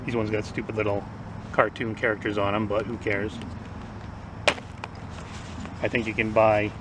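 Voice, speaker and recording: Still slurring a bit after having teeth pulled, a man gives an offhand rundown of survival gear as a vlogger. His lowish voice shows little pitch movement and runs a little fast, captured from a distant mic in noisy outdoor surroundings.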